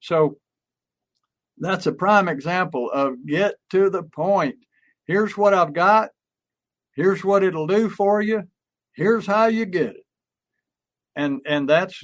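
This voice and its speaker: Older male co-host, slightly high voice, talks like an emphatic storyteller who repeats key phrases. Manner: anecdotal storyteller with frequent restarts and fillers. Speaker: podcast co-host and marketing coach. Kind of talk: casual podcast talk.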